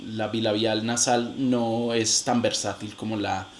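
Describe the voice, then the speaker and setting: Male lecturer, unhurried, halting delivery, sounds out examples himself, light background noise. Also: fairly low pitch, flat delivery. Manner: demonstrates sounds, hesitant restarts, addresses viewers directly. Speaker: phonetics teacher. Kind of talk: recorded lecture.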